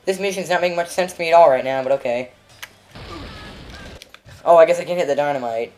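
A man's voice: on the high side, quick pace, darkish tone, faint music behind. A young man narrating a video game as he plays, rambling and making self-mocking jokes. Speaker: gameplay commentator. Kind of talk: let's play commentary.

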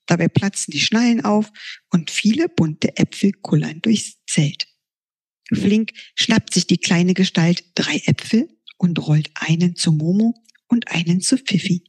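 A woman author reading her children's storybook aloud in a lively, expressive way. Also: mid-range voice, husky.

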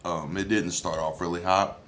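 Filming at home on a phone camera, a food vlogger tastes and reviews spicy jerky, chewing with his mouth full, hiccuping, and rambling with lots of ums. His low voice moves little in pitch, comes at a moderate pace, and has a fairly bright tone, with a little hiss or hum in the recording.

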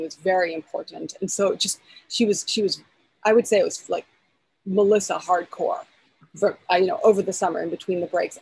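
A woman in her forties from the United States, a film editor appearing as a guest, talks eagerly over a video call from her backyard. Her voice is fairly low, creaky, and a bit breathy, full of restarts and fillers, and the recording is rough.

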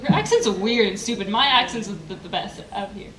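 A woman's voice: a little high, animated, brisk, crowd noise, natural voice. Woman playing a brash cocky American young man. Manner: brash, boastful, joking. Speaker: panel moderator and cosplayer. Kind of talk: in-character convention panel. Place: convention panel room. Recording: echoey room from far off, noise.

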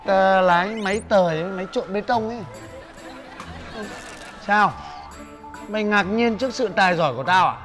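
Brief: man as a loud, bragging young laborer, high voice. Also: moderate pace, long pauses, faint music behind. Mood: boastful. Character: boastful broke male laborer, young adult.

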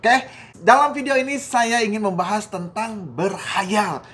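A man's voice: high-pitched, unhurried, fairly bright tone. A man giving a casual motivational talk, often asking his listeners rhetorical questions. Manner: casual, slangy delivery. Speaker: motivational speaker.

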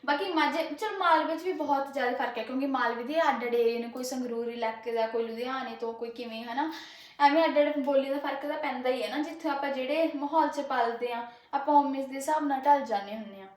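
Young rural Punjabi woman, fast and high-pitched, rambling cooking-vlog chat in an echoey kitchen. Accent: rural Malwa Punjabi. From Punjab, India. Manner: chatty, rambling, frequent filler tags. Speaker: cooking vlogger. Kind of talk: casual chat while cooking. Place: home kitchen.

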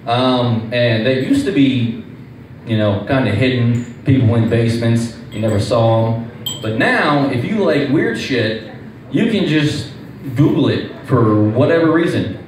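A man's voice: medium pitch, unhurried, slight background noise. A young adult male stand-up comedian telling exasperated, profane stories at an open mic. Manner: animated, profane, exasperated storytelling. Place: small comedy club stage. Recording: echoey room, distant mic, faint ambience.

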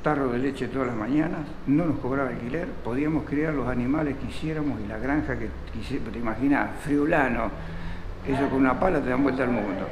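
Gravelly older Italian-born man in an echoey room. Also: medium pitch. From Italy. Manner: animated storyteller, addresses listener directly. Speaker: local historian guide. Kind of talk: storytelling interview. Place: small indoor room with air conditioner. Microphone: camera close in front. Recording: echoey room with faint noise.

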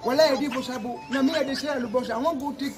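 A young man with a Nigerian accent playing an indignant disguised onion trader in a comedy skit, loud, emphatic and repetitive. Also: very high-pitched, very fast, a loud crowd. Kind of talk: broad comedy skit acting. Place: unpaved street, outdoors. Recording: loud music over outdoor camera sound. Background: music.

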